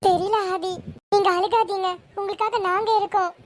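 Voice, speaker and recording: A woman's voice: extremely high pitch, steady tone, normal speed. Woman voicing a devoted young wife. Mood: soothing.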